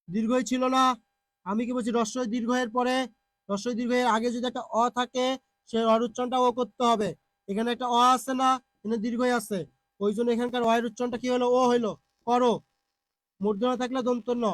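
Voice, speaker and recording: A man who is unwell teaches Bengali spelling and pronunciation in a live online class, reading out viewer comments and patiently repeating words to drill them. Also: very high-pitched.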